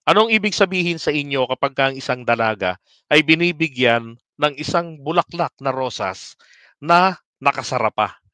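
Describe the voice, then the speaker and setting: Guy doing a political commentary vlog, bright clear voice, keeps asking viewers stuff, dry close sound. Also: a little high, lively intonation, normal speed, dry recording. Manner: keeps asking viewers rhetorical questions, mixes in English words; polite, addresses audience respectfully.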